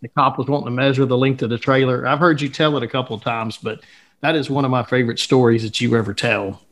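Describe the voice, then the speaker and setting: A man's voice: medium pitch, steady tone, fast talker, fairly bright tone. A man hosting a podcast, eagerly asking his guest for a favorite story in casual chat. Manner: eager, friendly, asks for a story. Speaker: podcast host.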